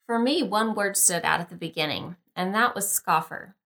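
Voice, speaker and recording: Hosting a devotional podcast, this woman leads listeners through meditation and scripture reading at an unhurried pace. Her voice is medium in pitch with a creaky quality, calm and gently guiding, set against background music.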